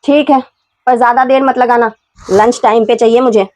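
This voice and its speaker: A woman's voice: fairly high pitch, steady tone, moderate pace, darkish tone, lightly acted. A woman playing a harsh, domineering mother-in-law who scolds her daughter-in-law. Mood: curt. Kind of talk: home-made family drama acting.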